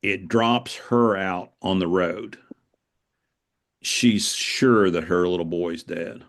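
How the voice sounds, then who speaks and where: The speaker is a man with a low-pitched, fairly bright tone, interviewed as an author. He tells his stories in a reflective, conversational manner, halting and earnest, often repeating phrases for emphasis.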